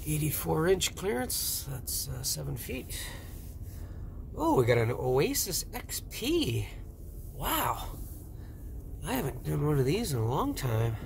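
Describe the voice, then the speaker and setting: A man's voice: fairly high pitch, very animated, slow, gravelly, pauses often. A man reviewing a car wash from the driver's seat of his van, musing aloud with many fillers. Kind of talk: casual vlog commentary. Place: inside a van going through a car wash. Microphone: phone camera in the driver's seat. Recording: noisy car wash recording.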